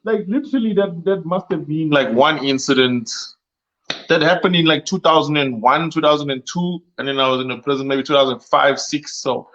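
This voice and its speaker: A man in his thirties with a Durban South African English accent tells a story while co-hosting a casual chat, laughing often and acting out voices. His voice is on the high side, fairly bright, and a little fast, heard through a muffled mic.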